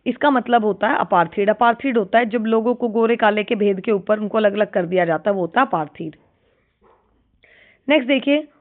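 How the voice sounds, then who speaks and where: A woman teacher working through exam questions, reading each English question slowly and then explaining it quickly. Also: a little high. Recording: tinny phone-like audio.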